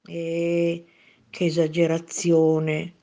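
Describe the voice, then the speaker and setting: A lonely old pensioner from a storybook, soft-spoken and wry, as a woman reads him. He talks slowly and kindly, a bit lower than the narration around him. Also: monotone. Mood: amused. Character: gentle lonely old retired man.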